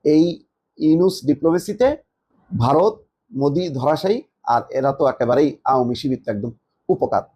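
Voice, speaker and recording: Husky man posing mocking rhetorical questions. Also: on the high side, lively intonation, moderate pace, pauses often, warm tone. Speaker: political commentator. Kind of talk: political commentary.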